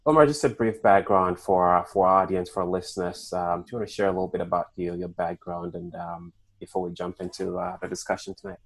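A very deep-voiced man hosts an interview podcast, framing questions in a measured way. He pauses often with filler sounds as he introduces his guest. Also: steady tone, slightly rough, rough recording. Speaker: podcast host.

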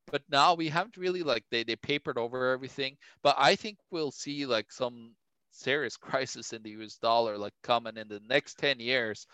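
A man's voice: mid-range voice, sharp tone, smooth, no room sound, lo-fi sound. A man co-hosting a casual podcast, chatty and full of "like" and "you know". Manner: chatty, heavy on "like" and "you know", laughs often. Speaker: co-host.

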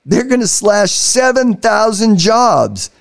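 Emphatic American talk-radio host. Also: male voice, high voice, big pitch swings, slow pace, creaky. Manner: emphatic, repeats key phrases, acts out quotes. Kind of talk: political commentary monologue.

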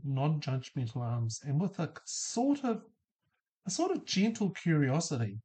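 A man's voice: fairly high pitch, a little mellow, breathy edge. A middle-aged man hosting a solo podcast, talking through ideas thoughtfully and asking the listener questions. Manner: thoughtful, asks questions, light laughs. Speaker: podcast host. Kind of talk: reflective solo monologue.

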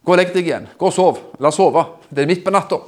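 A man's voice: on the high side, close to an everyday voice. A man voicing a sleepy old male priest who is annoyed at being woken, speaking brusquely during a sermon. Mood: grumpy.

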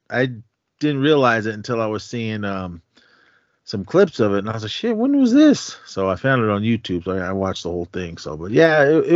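Speaking at a fairly low pitch, this middle-aged podcast co-host keeps the conversation relaxed, casual and full of slang. The sound is dry, close and dull, with a lo-fi quality.

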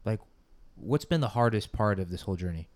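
A man's voice: lowish voice, lively intonation, fairly quick, a little mellow. A man hosting a podcast, asking casual interview questions and laughing along with the guest. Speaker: podcast host.

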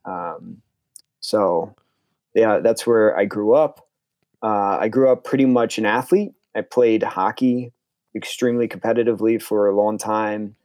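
Being interviewed, a young filmmaker from Connecticut, USA, talks casually and enthusiastically, rambling and restarting often. His voice sits on the low side, unhurried and somewhat dark in tone, with no echo.

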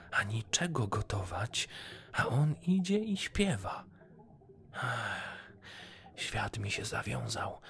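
A man voicing a poor fisherman's scolding wife who nags loudly, raised well above his own low voice. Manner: nagging, shrill and loud.

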